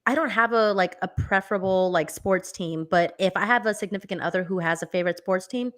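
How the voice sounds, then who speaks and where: A woman's voice: mid-range voice, fairly quick, fairly bright tone. A woman co-hosting a casual live podcast, telling rambling stories full of "like" and swearing for emphasis. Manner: rambling storyteller, heavy use of "like", swears for emphasis. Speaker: podcast co-host.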